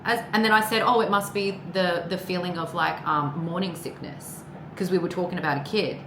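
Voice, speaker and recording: A woman's voice: on the low side, steady tone, a little fast. A woman giving a casual, rambling tarot reading with personal asides and the odd swear word. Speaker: tarot card reader. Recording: echoey room with clear background noise.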